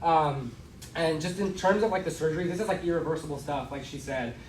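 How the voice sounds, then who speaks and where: A man's voice: a little high, fairly quick. A young man moderating a student debate, firm as he calls the room to order and then argues his side. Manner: firm, calling for quiet. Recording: echoey room, distant mic, faint noise.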